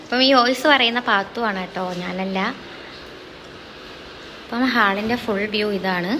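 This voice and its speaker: A young woman gives a chatty home-tour vlog, speaking at an average pitch and calling out to her viewers. The phone audio carries clear background noise. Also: normal speed. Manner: chatty, keeps addressing viewers as guys. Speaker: vlogger giving a home tour. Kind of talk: casual home-tour narration.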